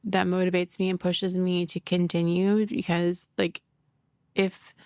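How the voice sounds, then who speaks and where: A woman's voice: fairly low pitch, flat delivery, unhurried, a little mellow, no room sound, studio quality. A middle-aged woman hosting a podcast in casual solo talk, candid and emotional, laughing often and swearing, full of "like" fillers. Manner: emotional, confessional. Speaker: podcast host.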